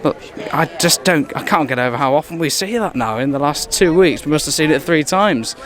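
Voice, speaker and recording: An English man giving casual, enthusiastic walkaround commentary at an outdoor car show, chatty and a little rambling, recorded on a handheld camera mic. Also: fairly high pitch.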